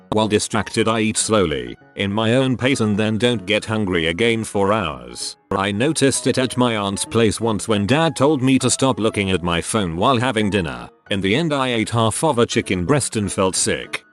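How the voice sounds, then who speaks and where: A man reading online posts aloud as a scripted narration in an even, measured way. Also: fairly low pitch.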